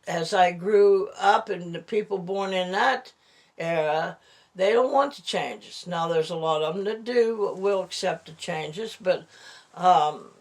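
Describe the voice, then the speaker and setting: A woman of about eighty talking casually and haltingly in a personal vlog, her lips over her gums with few teeth, slightly slurring her words. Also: on the low side. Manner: slow, halting, rambling delivery. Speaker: vlogger.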